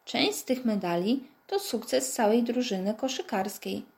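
A friendly, good-humoured bearded man speaks with easy calm, as a woman reads his lines. He sounds patient and unruffled, a gentle athlete in a storybook. The delivery stays steady and warm-hearted. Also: on the high side, a little slow, vocal fry. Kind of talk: storybook reading.

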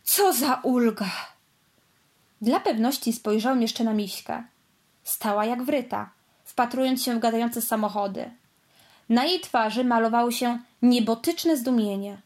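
A woman narrating a children's storybook in a lively, expressive read-aloud manner. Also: on the high side.

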